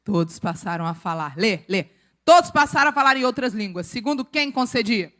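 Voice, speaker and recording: A woman preaching a sermon, animated and playful, acting out quoted people and accents as she teaches from scripture. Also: medium pitch, a little fast.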